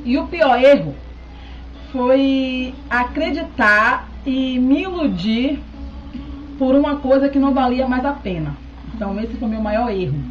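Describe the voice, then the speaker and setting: A woman in her thirties, a beauty vlogger, answers viewers' questions in a casual chat to camera, keeping in touch with them from a small room at home via a close-up webcam. Her voice is a little high, and she is chatty, repeatedly checking in with "tá?". The recording is muffled.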